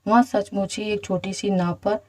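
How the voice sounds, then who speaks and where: A woman narrating a children's fairy tale in a steady, even storytelling manner. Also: mid-range voice, moderate pace, poor audio.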